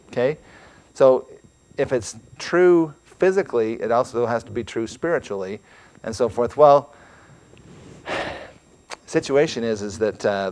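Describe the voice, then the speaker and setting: A man giving an earnest, emphatic religious lecture to a congregation, often repeating words as he talks. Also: mid-range voice. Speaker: church speaker.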